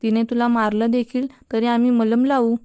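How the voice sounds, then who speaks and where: A woman's voice: fairly high pitch, level tone, moderate pace, warm tone, clean tone, no echo, clean studio sound, close to an everyday voice. A woman voicing an easygoing, supportive young male college student.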